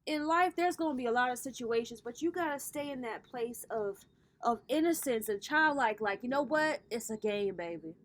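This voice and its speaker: A woman in her thirties, working as a spiritual coach, does a casual tarot reading vlog. Her voice is on the high side and animated, at normal speed, and her manner is sassy and playful, with swear words dropped in.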